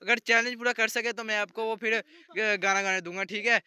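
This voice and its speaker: A young man hosting a casual night-walk vlog with friends, chatty, teasing and excitable. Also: high voice, a little fast, smooth. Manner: excited, chatty, teasing, often repeating himself. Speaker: vlogger host. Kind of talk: casual outdoor vlog chat.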